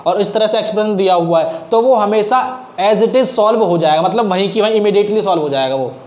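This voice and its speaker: A male math tutor teaches in a relaxed classroom style, going step by step and slipping English math terms into his speech. His voice is high-pitched, brisk and somewhat dark. The room is echoey with faint background noise.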